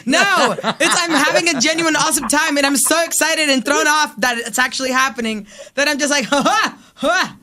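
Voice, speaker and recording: A woman co-hosting a radio talk show, telling stories in a giggly, animated, profane way. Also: sits high, brisk, few pauses. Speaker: radio co-host. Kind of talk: raunchy casual radio chat.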